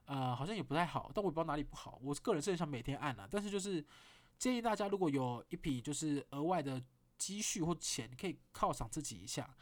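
A podcast host with a Taiwanese Mandarin accent tells a story in a casual monologue. His voice is a little high and his pace quick, and his delivery is animated, with blunt swearing.

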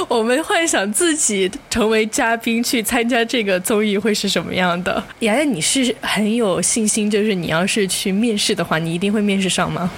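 A woman hosting a casual podcast chat, guiding the segments and reacting in an expressive, teasing way. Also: mid-range voice, moderate pace, few pauses, breathy edge. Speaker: podcast host.

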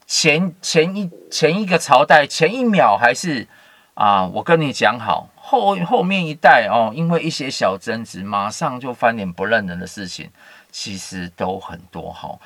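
A man's voice: medium pitch, fairly bright tone, no room sound. A man giving a casual Bible teaching, reading scripture and adding chatty asides with many fillers. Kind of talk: casual Bible story commentary.

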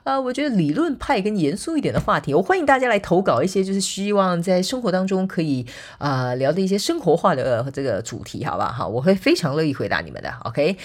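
A woman's voice: fairly low pitch, big pitch swings, fast, few pauses, slightly rough. A sleepy woman hosting her own podcast, chatting casually and acting out bits of dialogue as she tells a story. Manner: chatty, acts out quoted dialogue, frequent fillers like OK and 哈. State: sleepy, softer voice than usual. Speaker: podcast host.

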